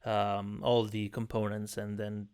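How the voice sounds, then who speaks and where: A man co-hosting a casual gaming podcast, talking in a hesitant way with many pauses and restarts. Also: on the low side, completely flat delivery, darkish tone, smooth. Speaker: podcast co-host.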